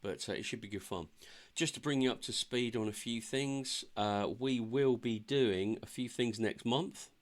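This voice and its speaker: A man's voice: medium pitch, normal speed, hardly any pauses. A man chatting casually at the start of a live game stream, upbeat and a bit tired, with lots of fillers.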